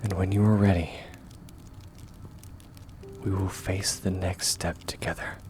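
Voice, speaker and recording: Man voicing Kyojuro Rengoku, deep, slow, gentle warrior. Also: level tone, faint music behind. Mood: soothing, earnest. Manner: gentle, reassuring, measured, often hushed to a whisper. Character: kind, steadfast young warrior man comforting a weary companion. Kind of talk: ASMR comfort roleplay.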